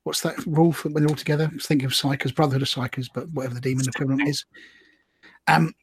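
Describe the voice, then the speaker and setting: A man co-hosting a casual podcast, chatting through army lists with quick asides and bursts of laughter. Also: a little high, steady tone, husky. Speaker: podcast co-host. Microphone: remote call.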